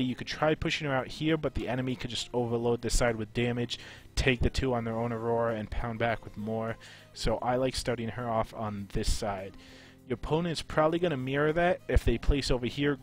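A man hosting a casual game strategy tutorial, his voice a little off after being sick. He explains in a relaxed way with frequent "uh"s. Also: mid-range voice, fairly quick. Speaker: gaming channel host.

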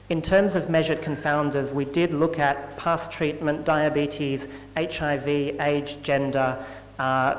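A man presents research findings in a measured, explanatory manner, his voice sitting a little high. The sound is roomy, with a long reverb from a large conference hall. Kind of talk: scientific conference talk and Q&A.

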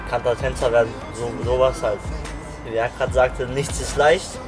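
A man's voice: mid-range voice, little pitch movement, normal speed. Young male dancer, simple phrasing, music playing behind. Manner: simple, slightly broken German. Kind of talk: documentary interview.

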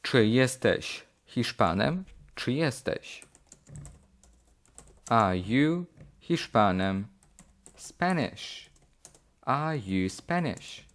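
A man teaching English, slowly repeating short phrases in a lesson. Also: medium pitch, animated. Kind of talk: slow language lesson drills.

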